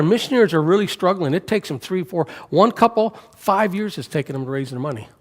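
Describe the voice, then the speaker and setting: In a church sanctuary filled with hall reverb, a man in his sixties from the United States, a missionary, delivers a folksy, humorous missions talk to the congregation. His voice is high-pitched with vocal fry.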